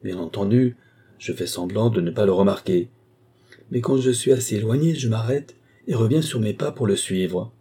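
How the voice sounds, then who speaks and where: A man's voice: fairly low pitch, moderate pace, mellow, slightly rough. A man voicing a sly, deferential valet who talks ceremoniously and at length in an audiobook. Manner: long-winded, ceremonious. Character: adult male valet, sly, wordy, deferential.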